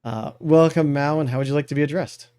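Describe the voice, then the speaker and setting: Smooth-voiced man hosting a chat. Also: a little high, quick pace. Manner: chuckles often, relaxed. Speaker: podcast host. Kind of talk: casual interview chat.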